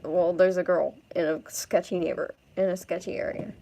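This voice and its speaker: A woman's voice: lowish voice, steady tone, moderate pace, vocal fry, mellow, slight background noise. A woman narrating a casual role-play, hesitant and with many ums.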